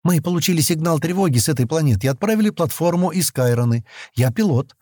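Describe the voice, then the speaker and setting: A man's voice: on the high side, expressive, quick pace, dark tone, no echo, clean studio sound, voice pushed up. A man voicing a wounded young woman pilot with a faint, weak voice in an audiobook reading. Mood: calm.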